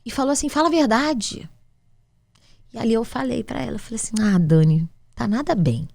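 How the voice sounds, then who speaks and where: Talking fast in a fairly high voice with vocal fry, this Brazilian restaurant owner shares a heartfelt personal story as an interview guest. She animatedly acts out dialogue, restarting often, in a dry, studio-quality recording.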